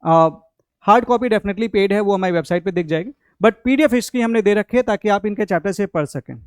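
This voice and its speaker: A man's voice: sits high, fairly quick, clean tone, dry recording, studio quality. A young Indian man, a coaching teacher, explaining a study strategy in a conversational, instructive way, mixing Hindi and English.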